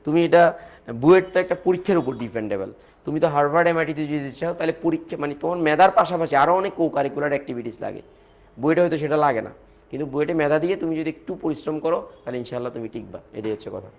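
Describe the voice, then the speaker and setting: A man's voice: fairly high pitch, expressive. A man with a Bangladeshi accent teaching a chemistry lecture, repeating key points and mixing in English phrases. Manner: fast, repetitive teaching talk with English mixed in.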